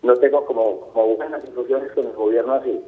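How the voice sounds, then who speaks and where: A man's voice: medium pitch, fairly even intonation, fast talker. A man in his sixties with a Colombian accent, a caller who rambles and repeats himself. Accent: Colombian Spanish. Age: 60s. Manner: repetitive, rambling, keeps saying señorita. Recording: tinny phone line.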